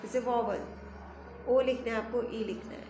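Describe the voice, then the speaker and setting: A woman teacher giving a grammar lesson, spelling words out letter by letter and reading rules slowly before quick explanations. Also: a little high, fairly even intonation. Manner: mixes slow English rule reading with quick explanations. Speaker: school teacher. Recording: echoey room, faint background hum.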